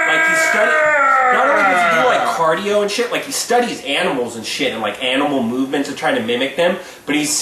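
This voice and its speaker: A man's voice: medium pitch, fairly bright tone. A man co-hosting a podcast in casual chat, rambling with lots of fillers and getting eager about sports. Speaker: podcast co-host. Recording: echoey room, distant mic, faint noise.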